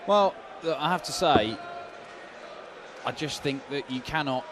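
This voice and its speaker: A man's voice: a little high, unhurried. A man giving conversational, opinionated and emphatic live darts analysis as co-commentator. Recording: loud venue noise behind the commentary.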